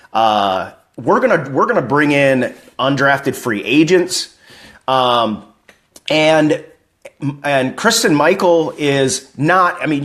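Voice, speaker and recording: Male sports-fan streamer, slightly higher voice, animated and chatty, reading chat comments live. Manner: upbeat, chatty, greeting viewers by name.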